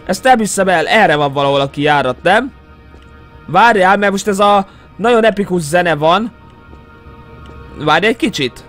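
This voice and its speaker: A young man with a Hungarian accent commentating a horror game, excitable and jumpy, muttering to himself between yelps. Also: high voice. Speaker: gaming YouTuber. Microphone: headset. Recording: faint game music behind.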